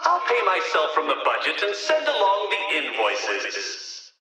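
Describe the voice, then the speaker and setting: An actor playing a smug, egotistical supervillain mastermind in a video game, with a condescending, theatrical delivery full of mocking emphasis, through a radio-style filter. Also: male voice, fairly high pitch, wildly swooping pitch, unhurried, far from the mic, a loud crowd. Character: smug, taunting, egotistical male riddle-obsessed supervillain mastermind. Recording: echoing, filtered radio-like broadcast sound.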